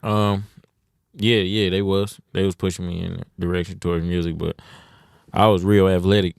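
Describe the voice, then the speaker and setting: A man's voice: low voice, flat delivery, moderate pace, gravelly, smooth, no room sound, clean studio sound. A young man from Detroit, a rapper talking as a podcast guest in laid-back slang, dropping "you know what I'm saying" often. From Detroit, USA. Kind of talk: casual interview.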